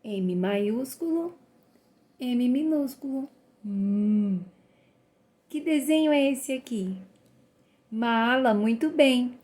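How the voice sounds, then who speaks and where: A woman leads a children's phonics lesson. Her voice sits a little high, and she speaks very slowly, drawing out each letter sound. She encourages the listener warmly as she sounds the words out. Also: lively intonation. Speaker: literacy teacher.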